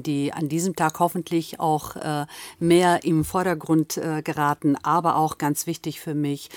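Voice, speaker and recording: A woman's voice: sits low, a little mellow, no echo. A woman from Turkey speaking hesitantly as a talk show guest, with frequent filler sounds. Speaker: guest, social association worker.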